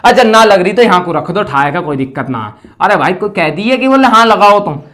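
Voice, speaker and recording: A man's voice: high voice, big pitch swings, fairly quick, fairly bright tone. A man teaching a grammar lesson in a chatty, rustic way, asking questions and then answering them himself. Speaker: Hindi teacher. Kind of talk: classroom lecture.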